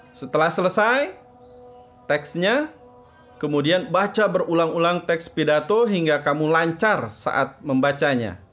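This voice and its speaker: A man's voice: on the high side, a bit bright. A man teaching a class, explaining step by step and answering his own questions as he goes. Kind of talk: classroom lesson.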